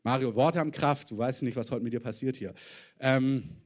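A man preaching a sermon as pastor, swinging between loud declarations and hushed, intimate asides. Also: mid-range voice, normal speed.

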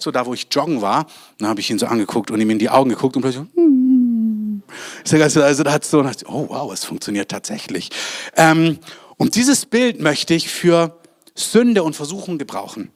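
A man preaching a sermon, speaking earnestly and directly to his listeners and building in fervor as he goes. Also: medium pitch. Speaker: pastor.

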